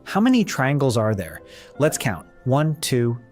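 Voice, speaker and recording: Faint music plays behind a male math teacher who leads little children through counting shapes, asking how many there are and naming each number aloud. His mid-range voice swoops wildly in pitch and has a darkish tone, and his slow, sing-song delivery mixes questions with answers.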